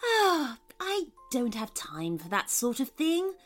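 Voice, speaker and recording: A woman's voice: sits high, big pitch swings, slow pace, faint music behind, pitched above the performer's own voice, heavily acted. A woman voicing a proud, dismissive female owl who speaks in a haughty, impatient way.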